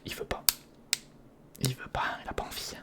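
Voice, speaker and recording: Never rising above a toneless, breathy whisper, this ASMR creator casually comments on a build at a normal speed. The remarks come as short muttered phrases, like thinking out loud.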